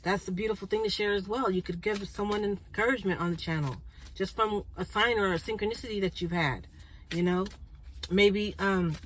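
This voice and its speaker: A woman's voice: mid-range voice, fairly quick, fairly bright tone, slight background noise, rough recording. Congested woman doing a chatty card reading. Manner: chatty, checks in with viewers with frequent "okay?". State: congested, clearing throat and coughing. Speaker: spiritual card reader and channel host. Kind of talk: casual spiritual card reading to viewers.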